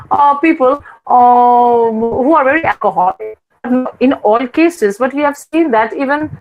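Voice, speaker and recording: A woman's voice: on the high side, low-quality recording. A woman lecturer with an Indian English accent teaching a class, repeating her points and often asking students whether they follow.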